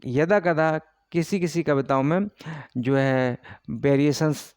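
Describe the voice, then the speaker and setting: A man teaching a poetry lesson at an unhurried, deliberate pace. His voice sits a little high, and he uses many fillers while he explains. The sound is dry and close, with no room echo. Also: a little mellow, smooth. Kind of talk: exam-prep lecture on poetry.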